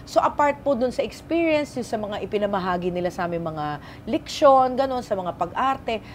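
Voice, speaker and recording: A woman's voice: mid-range voice, moderate pace, slight background noise. A woman in her fifties from the Philippines, a guest actress telling stories politely and with energy in a casual interview. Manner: polite, lively storytelling with frequent respectful particles.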